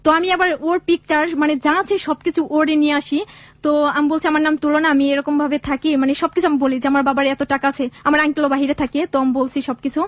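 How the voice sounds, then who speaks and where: A woman's voice: high-pitched, level tone, fast, no echo. A young woman calling a radio show to tell her life story, rambling and often restarting her sentences. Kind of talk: emotional personal storytelling on radio. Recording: dull lo-fi radio audio.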